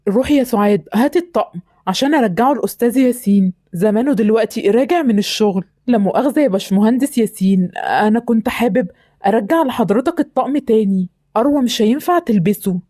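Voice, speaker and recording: A woman's voice: a little high, dark tone, no room sound, clean studio sound. A woman with an Egyptian accent voicing a worried, humble working-class father in an amateur voice drama. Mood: dismayed. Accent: Egyptian Arabic. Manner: humble, apologetic toward his boss.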